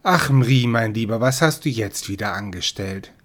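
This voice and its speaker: A man voicing gentle, unyielding Death as a bird. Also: medium pitch, very animated, normal speed. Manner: soft, kind but unyielding.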